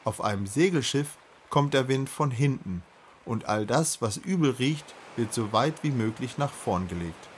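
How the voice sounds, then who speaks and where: A man reading a children's novel aloud in a calm, measured way. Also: medium pitch, slight background noise. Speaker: audiobook reader.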